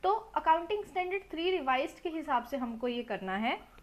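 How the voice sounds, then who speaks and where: Woman tutor, high-pitched, rapid revision lecture, rhetorical questions, phone mic. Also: animated, slight background noise. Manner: fast-talking, full of rhetorical questions. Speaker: accounts teacher. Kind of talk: quick revision lecture mixing Hindi and English. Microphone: mobile phone.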